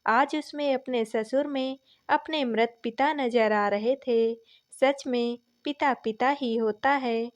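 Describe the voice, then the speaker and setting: A woman narrating a scripted family story in a gentle, unhurried reading voice. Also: high-pitched, fairly even intonation.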